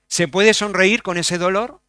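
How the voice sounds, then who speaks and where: A man with a Spain Spanish accent preaching a sermon as pastor, swinging from loud exclamations to hushed storytelling and asking many rhetorical questions. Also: high voice, fairly even intonation, measured pace, dry recording, clean studio sound.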